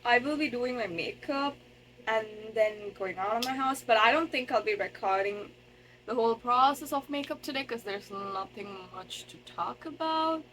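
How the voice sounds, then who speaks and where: A young woman, a student, chatting casually to her camera in a vlog, excitable and gushing at times, sometimes quiet and self-conscious. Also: fairly high pitch, normal speed, a little hiss or hum, rough recording. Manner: chatty, excitable, gushing over cute things. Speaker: vlogger and student.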